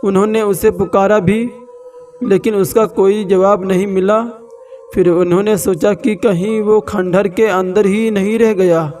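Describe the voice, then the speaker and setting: A man narrating a scripted horror story slowly and dramatically with long pauses. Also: high voice, fairly even intonation, a little mellow, distant mic, soft background music.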